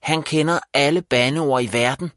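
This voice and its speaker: Man voicing a young village boy, excitable, emphatic, raised pitch, children's audiobook, dry close sound. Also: no room sound, lightly acted. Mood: indignant.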